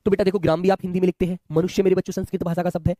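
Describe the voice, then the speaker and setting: Quick-talking guy running an online exam class, high voice, keeps calling the students his kids. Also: little pitch movement, warm tone, no echo, studio quality. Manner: chatty, calls students "my children" and asks them to answer. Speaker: exam coaching teacher.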